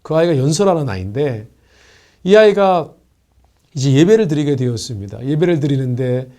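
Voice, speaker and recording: A male pastor telling a church testimony in an earnest sermon style, his voice rising on key words and dropping softly for reflection. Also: medium pitch. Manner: earnest storytelling with lively rises and soft drops.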